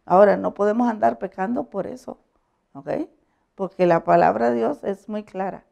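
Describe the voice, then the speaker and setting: A woman pastor giving a conversational sermon, telling animated stories, laughing often and checking that her listeners agree. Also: mid-range voice, normal speed, creaky, muffled recording. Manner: animated storytelling, asks the audience for agreement; laughs often while preaching.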